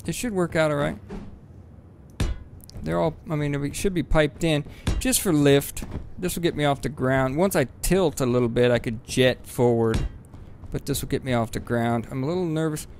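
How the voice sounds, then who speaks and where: A man talks through his game in a loose, rambling let's-play commentary, swearing casually and jumping into excited bursts. His voice sits a little high with a gravelly, fry-laden edge. Faint game sounds hum underneath. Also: normal speed. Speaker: gaming video host.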